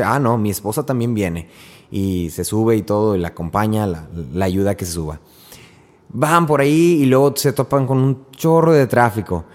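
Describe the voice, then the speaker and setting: A man's voice: medium pitch, a little mellow, in a large hall. A man giving an informal Sunday homily, telling stories and acting out the people he quotes. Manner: chatty storyteller who acts out quotes in raised voices. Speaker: preacher.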